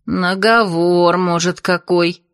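A woman voicing a big, nosy young bride who drawls her prying questions slowly. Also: lowish voice, fairly even intonation, clean tone, no room sound, studio quality.

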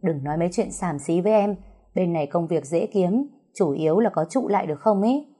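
A woman's voice: fairly low pitch, expressive, a little fast, mellow, breathy edge. A woman voicing a playful young male cousin who jokes in a flippant way. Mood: teasing.

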